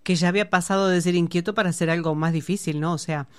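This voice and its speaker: A woman, hosting an interview and asking gentle, soft-spoken follow-up questions. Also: fairly low pitch, steady tone, fast. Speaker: host. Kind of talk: conversational interview.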